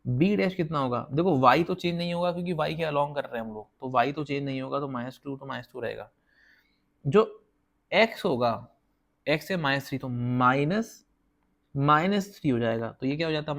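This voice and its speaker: A man's voice: medium pitch, vocal fry, a bit bright. A man teaching a casual whiteboard math lesson, explaining step by step and often checking that viewers follow. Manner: counts slowly while drawing.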